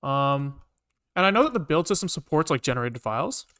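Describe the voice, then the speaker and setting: A brisk, very animated man with a fairly high, fairly bright voice codes on a livestream. He rambles casually as he thinks aloud, repeats words under his breath and swears in passing.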